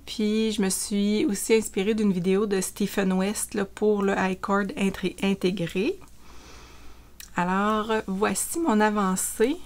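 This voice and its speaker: A woman's voice: mid-range voice, a little mellow. A woman with a Quebec French accent, casually chatting through a knitting vlog with frequent fillers. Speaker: knitting vlogger. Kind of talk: casual show-and-tell chat.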